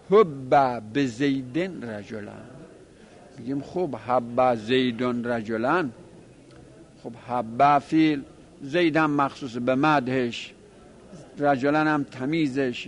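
A man teaching a classroom grammar lesson, explaining step by step and repeating each form aloud, talking to his class directly. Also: medium pitch. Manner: conversational, addresses the class directly.

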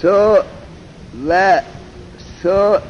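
Male teacher, slightly high voice, seminary-style class lesson, keeps firing questions at students, drags out example words; muffled lo-fi tape with faint hiss. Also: steady tone. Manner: quizzes students, drawls example words slowly. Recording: dull lo-fi recording with faint noise.

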